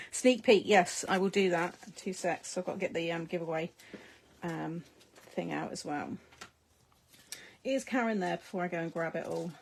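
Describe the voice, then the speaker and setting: Speaking in a lowish, gravelly voice at a measured pace, this middle-aged woman from the UK leaves long pauses. She's on a crafting livestream, reading viewer comments aloud, laughing often and keeping the chat easygoing in her British accent.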